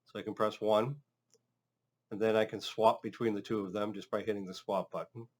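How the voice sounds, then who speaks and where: A man's voice: on the low side, little pitch movement, fairly quick. Man giving casual step-by-step phone training. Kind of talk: instructional demonstration narration.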